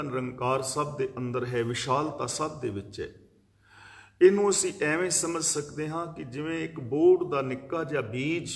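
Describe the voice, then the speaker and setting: A man with a fairly high voice delivers a religious discourse. He explains verses patiently and recites long lists of words in a steady flow. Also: vocal fry. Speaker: preacher giving scripture commentary.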